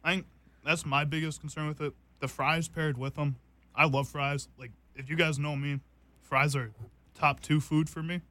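A man's voice: fairly high pitch, little pitch movement, normal speed, a bit bright, dry recording. A young man hosting a casual food taste test, rambling loosely with fillers and laughing often. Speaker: host.

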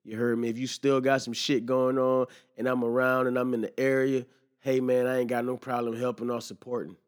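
A young man talks through his podcast in a loose, rambling monologue. He is full of slang and swearing, and keeps circling back with "you know what I'm saying". His voice sits at an ordinary mid pitch. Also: little pitch movement, a little fast. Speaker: podcast host. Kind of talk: casual monologue.

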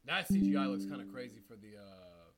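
A man's voice: medium pitch, lively intonation, a little fast, over a noisy crowd, rough recording. A young man co-hosting a podcast, reacting to movie trailers in a rambling, slangy casual chat. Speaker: podcast co-host.

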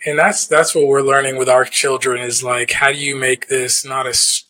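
A man's voice: medium pitch, little pitch movement, moderate pace, pushed and bright, a little hiss or hum, rough recording. A man hosting a podcast interview, encouraging his guest with frequent "yeah" and "mm-hmm". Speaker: podcast host.

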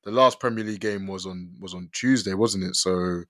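A young man with a London accent hosts a casual sports podcast. His voice sits fairly low and sounds dry and close. He talks in loose slang and often repeats his phrases as he goes. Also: fairly quick, fairly bright tone, no echo. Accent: London, urban slang. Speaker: podcast host.

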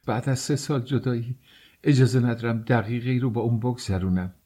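A man's voice: sits low, animated, mellow, breathy edge, heavily acted. A man voicing a pleading, anxious mother. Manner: pleading, wailing. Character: anxious middle-aged mother, pleading and tearful. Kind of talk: audiobook character voice.

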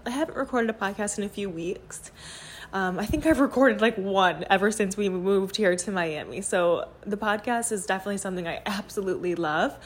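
Walking through her apartment with her phone recording a voice memo, a woman hosts her podcast in a candid, rambling style packed with fillers, like out-loud journaling. Her voice is medium-pitched, with slight background noise.

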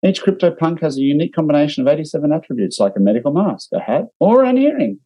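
A man's voice: on the high side, sing-song, quick pace, dark tone, low-quality recording. A man with an Australian accent co-hosting a casual podcast, talking marketing with wry, dry humor. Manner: wry, dry humor, reads out and critiques clips. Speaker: podcast co-host and digital marketer. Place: remote call.

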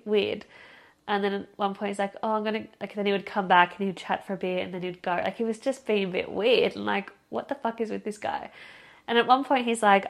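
A young woman podcast host tells a story over a casual chat. She talks in a loose, expressive way, dropping "like" constantly and swearing now and then. Her voice sits at an ordinary middle pitch. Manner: chatty, expressive, heavy use of "like" and swearing.

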